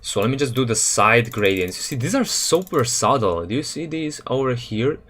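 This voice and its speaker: Keyboard and mouse clicks accompany a young Serbian man as he builds a game level on a live stream. He talks at normal speed in a mid-range voice, rambling casually and slangily with frequent fillers and self-corrections.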